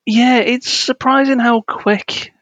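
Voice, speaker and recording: Gaming-podcast co-host, young man, bright forceful tone, dry close sound, rants and jokes. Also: extremely high pitch, fairly even intonation, takes it slowly, no echo, lo-fi sound. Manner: ranting, self-deprecating, laughs often. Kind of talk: casual gaming podcast chat.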